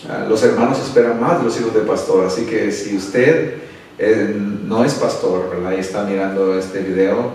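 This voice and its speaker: This is a Salvadoran pastor in middle age, answering interview questions and leading prayer in an earnest, unhurried manner, frequently adding tag questions. He has a lowish, darkish voice. The recording has a little hiss or hum, with an echoey room and the mic set a bit far away.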